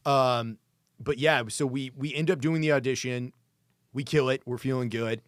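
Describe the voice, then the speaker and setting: A man's voice: mid-range voice, fairly even intonation, normal speed, no room sound, clean studio sound. A man hosting a podcast, talking casually and agreeably about playing in a band. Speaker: podcast host, band member. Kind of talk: casual conversation.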